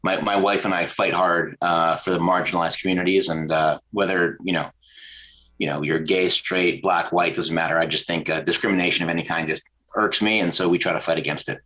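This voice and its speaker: Here a creative director with a Southern American background, guesting on a podcast, speaks low and fairly quick. His chatty anecdotes come alive as he imitates those he quotes, though the recording quality is low.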